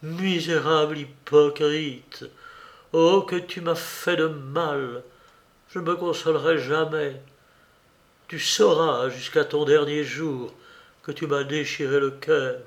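A betrayed lady of the house hurls slow, bitter reproaches, as a male reader takes her part. Her voice rides high and cutting, each accusation drawn out deliberately. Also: steady tone. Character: wounded, betrayed mistress of the house, woman.

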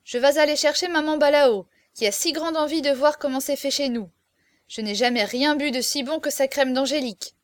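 A woman reading aloud, voicing an excitable young male servant who shouts boastful announcements. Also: high-pitched, a little fast, no room sound, voice pushed up, natural voice. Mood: shouting. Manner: loud, breathless exclamations.

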